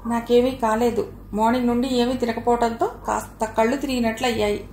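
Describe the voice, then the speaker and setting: A woman reading a gentle young husband, soft. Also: a little high, fairly even intonation, brisk, lightly acted. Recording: roomy recording, faint hiss.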